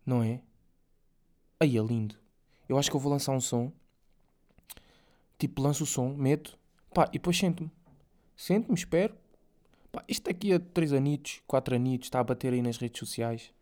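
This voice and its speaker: This is a young man with a European Portuguese accent, rambling through a solo podcast monologue. His speech is loose and slangy, packed with fillers and the odd swear word. His voice is dark and mellow at a middle pitch. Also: normal speed, long pauses. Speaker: podcast host.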